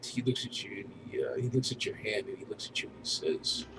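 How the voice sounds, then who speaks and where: A man's voice: on the low side, expressive, a little fast, far from the mic, background noise. A man narrating as game master of a tabletop game, hesitant and full of restarts. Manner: hesitant, many fillers and restarts. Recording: music playing behind.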